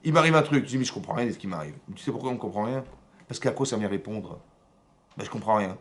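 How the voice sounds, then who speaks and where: Animated French rabbi teaching a class. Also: male voice, fast. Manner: animated, asks the audience questions, rises in pitch and loudness to stress points. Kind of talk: lively Torah lesson to a congregation. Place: synagogue.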